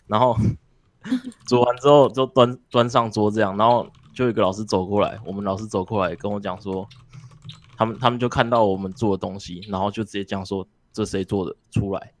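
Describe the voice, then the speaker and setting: A man's voice: lowish voice, fairly even intonation, a little fast, slight background noise. A man telling a story in a casual group chat, swearing casually as he goes.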